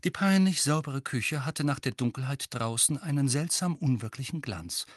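A man narrating an audiobook in an expressive storytelling manner. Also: medium pitch, moderate pace, no echo, studio quality. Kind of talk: scripted narration.

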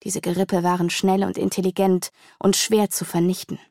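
With a lowish, gravelly, warm voice, a female audiobook narrator reads scripted fantasy at normal speed and in a level tone, telling the story dramatically and vividly. The sound is dry and clean, studio quality.

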